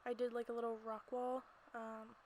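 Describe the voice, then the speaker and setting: An amateur video creator gives a rambling, giggly voiceover for her gameplay from a small closet at home. Her slightly high, a little mellow voice stays completely flat at a moderate pace. The poor audio includes noticeable background noise.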